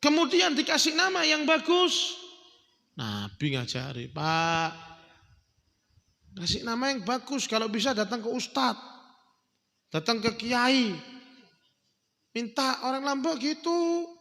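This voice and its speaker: A male preacher, giving a lively, joking sermon at a family celebration and sometimes chanting. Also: very high-pitched, takes it slowly, creaky, long pauses. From Indonesia. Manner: animated, humorous, addresses the audience as "Pak", chants the call to prayer. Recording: echoey hall.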